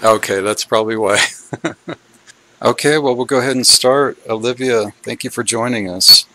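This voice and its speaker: A man's voice: medium pitch, normal speed, bright, forceful tone, dry recording, rough recording. A man hosting a casual interview, talking in a loose, chatty way with some hesitation. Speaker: podcast host.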